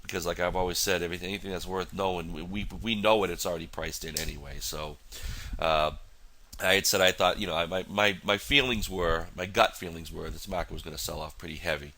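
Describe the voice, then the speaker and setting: Male trader, very low pitch, nasal from a cold, rambling casual chart walkthrough. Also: fairly even intonation, fast talker, pushed and bright. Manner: rambling, many fillers and restarts. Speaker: futures trader. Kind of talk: casual market analysis walkthrough.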